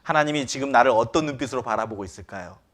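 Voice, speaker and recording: A man's voice: mid-range voice, very fast. A man preaching a sermon as pastor in a church, often asking the congregation rhetorical questions. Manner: acts out quoted lines with sudden loud outbursts.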